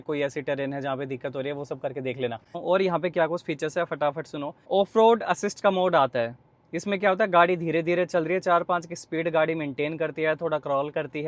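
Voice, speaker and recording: Chatty car-reviewing man, higher voice. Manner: chatty, explains features quickly to viewers. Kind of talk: casual walkaround and driving review. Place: inside a car.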